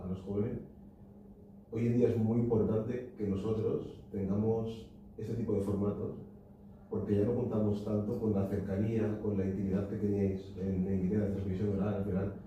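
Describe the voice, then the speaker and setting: Speaking in a lowish voice, a young audience member puts a lengthy, faltering question to the speaker, leaning on fillers and tag questions. It happens at a book talk held in a cultural society's lecture hall, with slight background noise, an echoey hall, and a distant, dull sound.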